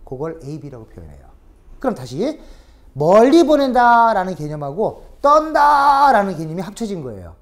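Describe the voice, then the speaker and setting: Lecturer, female: lively online vocabulary teacher, lower voice that swings widely in pitch, keeps asking the class questions. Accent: Korean. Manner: lively, animated teaching with rhetorical questions and repetition.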